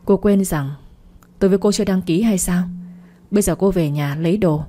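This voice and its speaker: A cold, proud husband in a storybook, clipped and hard, read by a woman in her own low voice. The tone is dark and mellow. Each line is short and final. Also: fairly quick, faint music behind, close to an everyday voice.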